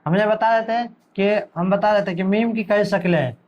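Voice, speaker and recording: A man's voice: high-pitched, dull audio. A man teaching Quran reading letter by letter, asking his own questions and answering them, drawing out the letter names. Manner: drawls letter names very slowly. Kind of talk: letter-by-letter lesson.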